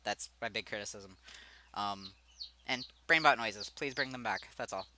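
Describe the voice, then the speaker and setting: Bright-toned giggly young man rambling. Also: fairly low pitch, moderate pace, a little hiss or hum. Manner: giggly, rambling, lots of fillers. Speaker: video commentator. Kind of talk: casual rambling commentary.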